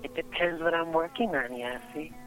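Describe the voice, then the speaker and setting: A woman's voice: low-pitched, normal speed, fairly bright tone, soft background music, rough recording. Brassy, flirty woman caller. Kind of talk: comedic call-in banter.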